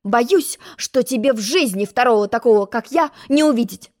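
A woman's voice: a little high, expressive, a little mellow, lightly acted. A woman doing a pompous, boastful storybook egg. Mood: haughty. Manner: haughty, lecturing, quick to take offense. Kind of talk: storybook reading.

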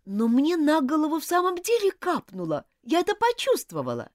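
A flustered schoolgirl in a storybook, high-pitched and insistent, who begs to be believed, as a woman reading the tale puts her on. Her voice jumps up and down a lot. The sound is close and dry. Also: huge pitch swings, brisk, a little mellow, no echo. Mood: pleading. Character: earnest, flustered young schoolgirl. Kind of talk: audiobook character voice.

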